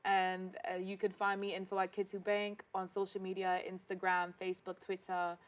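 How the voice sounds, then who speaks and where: A woman's voice: mid-range voice, completely flat delivery, normal speed. A woman guest on a talk show, chatting casually with frequent fillers and laughs. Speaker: guest, financial literacy educator. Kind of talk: casual interview chat.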